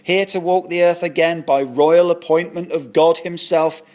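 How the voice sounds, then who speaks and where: A man voicing Martin, a blunt, deadpan unemployed Englishman who sells tat online, in a comic audio story. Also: fairly high pitch, moderate pace, natural voice.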